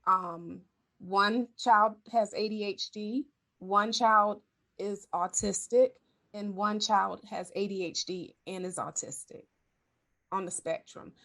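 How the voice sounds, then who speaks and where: Speaking slowly and steadily at medium pitch, a podcast host in her forties has a creaky, fairly bright voice. She chats candidly and casually, correcting herself as she goes.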